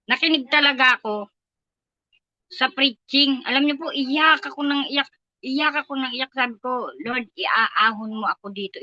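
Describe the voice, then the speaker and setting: Bright-voiced older Filipino woman, dull lo-fi sound. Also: fairly high pitch, no room sound. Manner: emotional, earnest, retelling prayers aloud. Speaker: church member giving testimony. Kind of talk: personal testimony at a prayer meeting.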